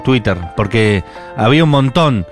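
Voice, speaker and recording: A man's voice: medium pitch, lively intonation, over music. A man with an Argentine accent hosting a radio talk show, chatty and playful, often jumping in. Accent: Argentine Spanish. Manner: chatty, playful, quick to jump in. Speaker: radio host. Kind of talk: casual radio chat. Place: radio studio.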